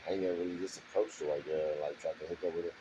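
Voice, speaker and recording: A man vlogger with a deep, fairly even voice races through a rambling, defensive monologue alone in his garage, with background noise. He circles back to the same points and keeps asking "you know what I'm saying."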